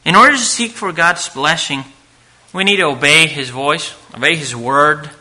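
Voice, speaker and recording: A man preaching a sermon to a congregation at a pulpit microphone, earnest, reading scripture aloud and swinging between loud emphasis and hushed asides. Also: fairly high pitch, moderate pace, poor audio.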